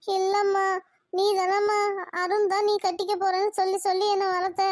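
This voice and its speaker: A woman's voice: extremely high pitch, level tone, moderate pace, no room sound, clean studio sound. A woman voicing a lovestruck young woman in a cartoon, giggly, clingy and whiny. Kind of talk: Tamil cartoon voice acting.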